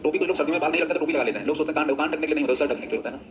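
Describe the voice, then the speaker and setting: A man's voice: a little high, very fast, dull audio, a little hiss or hum. A man teaching English grammar in a coaching classroom, drilling students in chorus and teasing them with chatty asides. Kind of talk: classroom lecture with choral drills.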